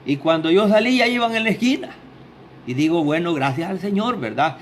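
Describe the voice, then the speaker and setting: Fervent high-voiced preacher. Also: male voice, expressive, fairly quick, a little hiss or hum. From El Salvador. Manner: fervent, sweeping pitch, tag questions. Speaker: lay preacher. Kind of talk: sermon. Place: small church.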